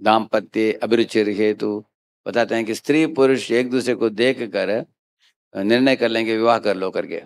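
Gravelly low-voiced male preacher. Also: normal speed. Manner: conversational, frequent "hain?" prompts to listeners. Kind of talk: Hindi scripture lecture.

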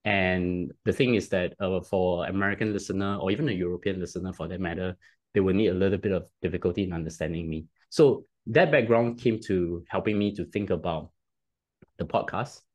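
A man in his thirties with a Singaporean accent guests on a podcast over a video call from a room at home, wearing a headset. His voice is low, fairly quick and darkish. He explains at length in casual interview style, often restarting and tacking on "right?".

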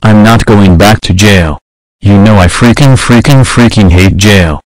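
Guy doing a mad bully horse toy, yelling and growling, lowish voice, dry sound. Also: a little slow, dry recording, poor audio. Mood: furious. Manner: yelling, with long growls and manic laughs. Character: furious male horse toy, a hot-headed bully.

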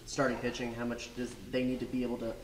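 A man, a sports reporter, asking halting questions at a press conference. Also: mid-range voice, completely flat delivery, long reverb tail, poor audio. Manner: fast, halting questions with restarts.

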